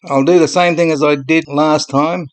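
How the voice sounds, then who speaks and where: A man's voice: fairly high pitch, fairly even intonation, normal speed. A man with an Australian accent hosting a casual commentary video in a laid-back, plain-spoken way.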